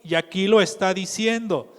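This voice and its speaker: Male preacher, somewhat high voice, unhurried sermon delivery that asks the room questions, reverberant church hall. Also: fairly bright tone. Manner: measured, asks the congregation questions.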